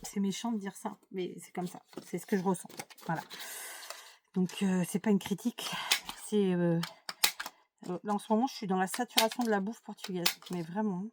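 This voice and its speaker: A woman's voice: mid-range voice, fairly even intonation, moderate pace. A middle-aged woman from France chatting to her viewers, opinionated and full of fillers and asides, with a noisy home recording. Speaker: YouTube vlogger. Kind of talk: casual chat to camera while doing a craft task.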